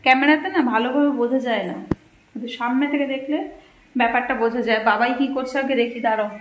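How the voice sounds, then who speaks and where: A woman's voice: sits high, fairly even intonation, fast talker, poor audio. A young woman casually chatting to her viewers in a home vlog, filmed on a phone at home. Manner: chatty, addresses viewers directly; speaks very softly while her child sleeps. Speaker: vlogger. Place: small home kitchen and rooms.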